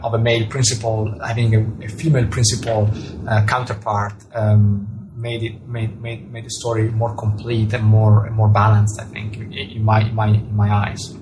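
An author and astronomer from Italy, speaking with an Italian accent, answers interview questions thoughtfully and often repeats words while hunting for the right phrasing. His voice sits on the low side, level in tone and moderate in pace, with background noise behind it.

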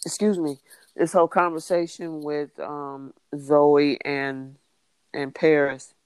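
A co-host in casual chat about a soap opera, acting out the characters' lines in an animated way. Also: mid-range voice, slow, clean tone, no room sound.

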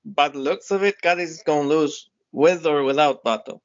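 A man co-hosting a casual football podcast, relaxed and chatty, cutting in with quick remarks. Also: a little high. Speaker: podcast co-host. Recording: dull lo-fi audio.

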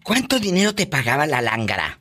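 A woman with a Mexican accent hosting a live radio call-in show, loud and theatrical, teasing callers and laughing often. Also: low voice, big pitch swings, brisk. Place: radio studio.

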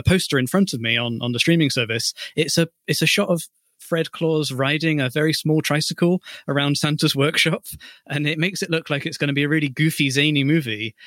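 Higher-pitched man, thoughtful and hesitant. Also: fairly bright tone, no room sound, studio quality. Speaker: film podcast panellist. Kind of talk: casual film discussion.

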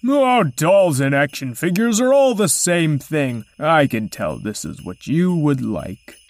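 A woman's voice: low-pitched, sing-song, unhurried, darkish tone, heavily acted. A woman voicing a jolly but pushy male mammoth Santa in a children's story. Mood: brusque. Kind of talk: storybook character voice.

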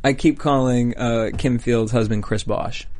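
A woman's voice: extremely low pitch, steady tone, unhurried, a little mellow. Gossipy American woman leading casual chat. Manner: gossipy, joking, slangy. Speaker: host leading a reality TV recap.

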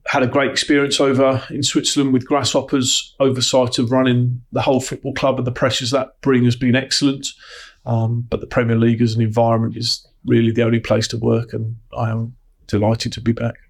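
A man's voice: mid-range voice, monotone, brisk. Middle-aged man with a level, businesslike voice. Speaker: interviewee, football operations executive. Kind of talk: conversational interview answers.

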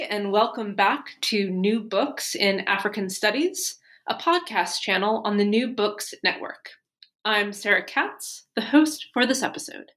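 Female interview host, courteous and measured. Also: a little high, fairly bright tone. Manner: polite, measured questions. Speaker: podcast host. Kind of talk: interview hosting.

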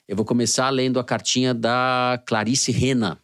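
A man's voice: mid-range voice, flat delivery, moderate pace, a bit bright, no room sound. Dry-sounding Brazilian man, wry podcast host. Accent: Brazilian Portuguese. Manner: wry, playful, quoting letters aloud. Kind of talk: casual political chat, reading listener letters.

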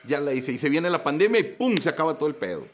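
A Mexican man in his forties tells his story as an interview guest, his pitch leaping all over as he acts out the dialogue. His talk is loose and slangy, with a faint hiss of noise behind him. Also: huge pitch swings, very fast. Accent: Mexican Spanish. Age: 40s.

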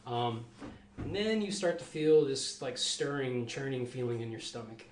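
A man's voice: medium pitch, normal speed. A man running a tabletop horror game, narrating loosely with many fillers. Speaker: game master. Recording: echoey room with noise.

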